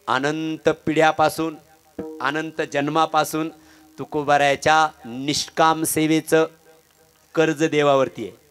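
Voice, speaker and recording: Middle-aged male kirtan preacher, fairly high voice, lively storyteller who slips into chant; faint music behind. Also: clean tone. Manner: animated storytelling, breaks into sung verses. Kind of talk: devotional sermon with chanted verses.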